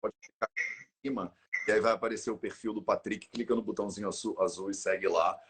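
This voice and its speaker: A man's voice: lowish voice, fairly even intonation, fast, noisy background. A man, hosting a show, who thanks his guest and promotes a course in a casual sign-off. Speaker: podcast host.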